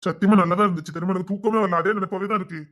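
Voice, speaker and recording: Brief: a man as a lovesick youth with a lilt, high voice, rapid patter, fretful and pleading. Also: fairly even intonation, fairly bright tone. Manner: fretful rambling inner monologue, then pleading. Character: lovesick young village man, restless, scheming to elope. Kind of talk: audio love-story drama.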